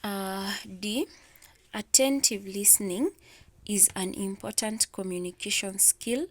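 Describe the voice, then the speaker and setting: A young woman teacher, giving an exam revision lesson and explaining slowly and deliberately, stretching out the example words. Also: mid-range voice. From Kenya.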